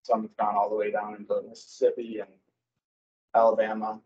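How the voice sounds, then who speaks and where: A man presenting wildlife season recommendations at a public board meeting, speaking haltingly with many fillers and self-corrections over a video call. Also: lowish voice, completely flat delivery, slight background noise. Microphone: computer mic on a video call. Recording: dull lo-fi video call audio.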